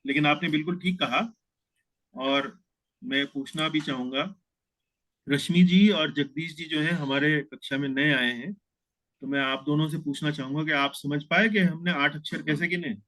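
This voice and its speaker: A man leads an online verse class, explaining step by step with patient care. His voice sits somewhat high for a man, and he counts syllables out one by one as he teaches. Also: fairly even intonation, moderate pace, fairly bright tone, poor audio. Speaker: teacher of Gita verse memorization. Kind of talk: online class over video call.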